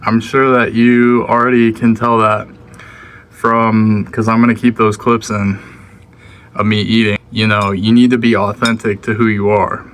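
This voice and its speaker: A man's voice: on the low side, little pitch movement, measured pace, a bit bright, slight background noise. A young man chatting casually to the camera in a laid-back, slangy way, sometimes talking with his mouth full. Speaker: vlogger. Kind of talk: casual vlog chat.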